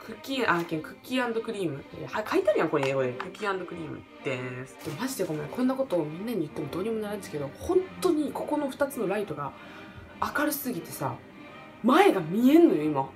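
早口で抑揚豊かな西日本なまりの若い女性. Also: female voice, on the low side, racing. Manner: rambling, excitable, jokey. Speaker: vlogger. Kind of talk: casual solo vlog chat. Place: hotel room at night, indoors. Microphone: camera in front under bright lights. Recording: background music under voice.

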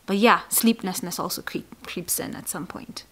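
A woman's voice: on the low side, steady tone, moderate pace. Emphatic woman psychologist. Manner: emphatic, dropping to soft breathy asides on key points. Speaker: psychologist hosting an educational channel. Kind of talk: explanatory talk to camera.

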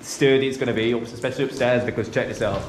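A man's voice: medium pitch, fairly even intonation, slight background noise. Chatty man exploring a ruin. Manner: chatty, swearing, quick running commentary. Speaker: urban explorer host. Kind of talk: casual exploration vlog. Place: dark abandoned building, indoors. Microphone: camera held at arm's length. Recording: music playing under the voice.

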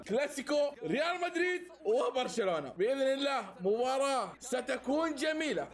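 A man reacting to a football match on video, excitable, often shouting and laughing. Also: very high-pitched.

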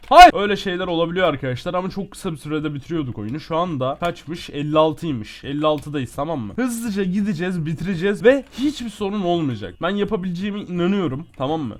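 A man giving casual gameplay commentary, chatting to himself and his viewers and breaking into sudden shouts and curses. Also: fairly high pitch. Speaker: gaming YouTuber.

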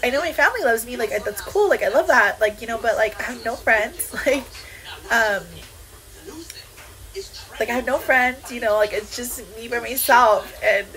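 A young woman vlogging to camera about her feelings, tearful and halting, full of fillers. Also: a little high, fairly bright tone, rough recording. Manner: halting, emotional, filler-heavy with lots of "like". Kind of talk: confessional vlog to camera.

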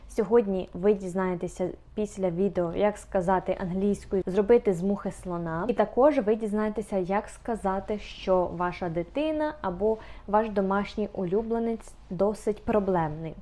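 Young female language teacher, warm mellow tone, careful and repetitive delivery. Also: mid-range voice. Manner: slow, careful, repeats phrases, hesitant fillers. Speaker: English teacher. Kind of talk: explaining English phrases.

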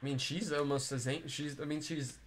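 A man's voice: on the high side, fairly even intonation, normal speed, slight background noise. Rambling, swearing male game streamer. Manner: rambling and swearing, chatting with viewers. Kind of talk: casual live-stream chat while playing.

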